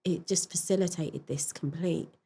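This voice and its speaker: Woman telling her story on a podcast, kinda gravelly low voice, frank, lots of ums. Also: fairly even intonation, mellow. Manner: frank and reflective, with many fillers and pauses. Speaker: podcast guest. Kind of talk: candid personal storytelling.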